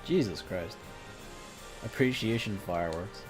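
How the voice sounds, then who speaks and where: A man's voice: on the low side, a little slow, music in the background. A man with an irritated throat and a cough, rambling through casual let's-play commentary with offhand swearing and muttered asides. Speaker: gaming video host.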